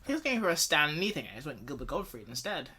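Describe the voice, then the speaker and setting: A man's voice: a little high, sing-song, fast, bright, forceful tone. A man co-hosting a podcast, chatting informally with joking asides and casual commentary. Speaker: podcast co-host.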